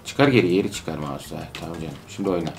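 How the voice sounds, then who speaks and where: A man giving excitable casual commentary while coaching his daughter through a video game. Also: low-pitched, fast, slight background noise. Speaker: parent playing with his daughter. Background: game music.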